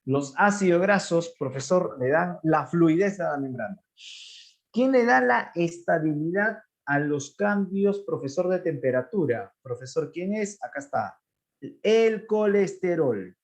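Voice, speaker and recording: A man teaching biology, lively, asking questions and answering them himself. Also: fairly high pitch, a little slow. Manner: animated, asks and answers his own questions, voicing students. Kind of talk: online class lecture.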